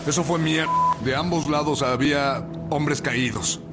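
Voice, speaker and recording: A man's voice: a little high, measured pace, close to an everyday voice. A man dubbing a weary, blunt reality show cook, as if in an interview. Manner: blunt, foul-mouthed. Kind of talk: Spanish voice-over dub of reality TV interview. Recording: loud music behind the voice.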